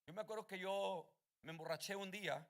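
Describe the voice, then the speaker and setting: High-voiced pastor preaching hard, gravelly, shouts at the crowd a lot. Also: male voice, brisk. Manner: fervent preacher, shouting to rally the congregation. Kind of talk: sermon.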